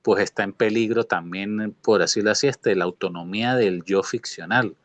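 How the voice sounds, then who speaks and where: A man's voice: lowish voice, moderate pace, no echo, muffled recording. A man, a graduate student speaking earnestly to his professor, hedging with many fillers.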